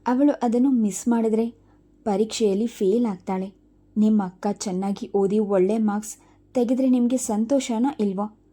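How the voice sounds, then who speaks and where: Woman playing a gentle middle-aged father, calm, coaxing, very mellow dark tone, storybook reading. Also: fairly high pitch, normal speed, natural voice.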